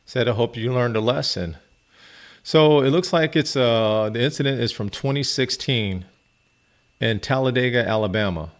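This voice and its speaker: A man giving casual, conversational video commentary as he fact-checks. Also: fairly low pitch. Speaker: commentator debunking a viral post.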